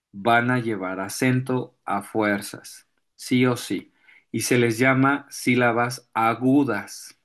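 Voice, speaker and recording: Slow, deliberate male teacher. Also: mid-range voice, a bit bright. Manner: slow, searching for examples, frequent throat clearing and fillers. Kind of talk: virtual class lesson.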